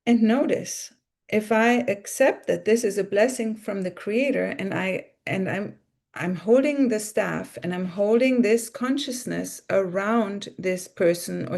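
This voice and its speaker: A woman teaching on a live stream, softly coaxing listeners through a guided visualization and reading viewer comments aloud. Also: medium pitch, gravelly. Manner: soft and coaxing, guiding listeners inward. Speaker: spiritual teacher.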